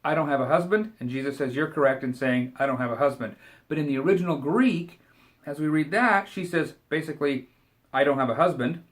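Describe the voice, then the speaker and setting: A man giving a short devotional Bible commentary, talking in a relaxed, conversational way and paraphrasing scripture in everyday speech. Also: fairly high pitch, brisk. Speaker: Bible teacher.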